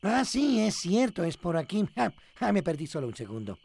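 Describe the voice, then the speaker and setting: A woman voicing an excitable, easily annoyed cartoon duck who grumbles and exclaims. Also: lowish voice, moderate pace, creaky. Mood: flustered. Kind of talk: cartoon voice acting.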